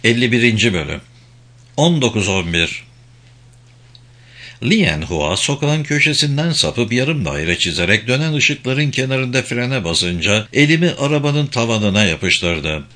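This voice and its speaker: A man reading a first-person audiobook in a steady, deliberate way. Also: medium pitch. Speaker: audiobook narrator.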